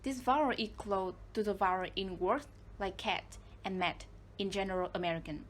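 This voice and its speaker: A woman's voice: mid-range voice, normal speed, a little hiss or hum. A young woman whose first language is Vietnamese gives a class presentation from her notes. She moves steadily through her points, counting them off one by one. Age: young adult. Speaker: student presenter.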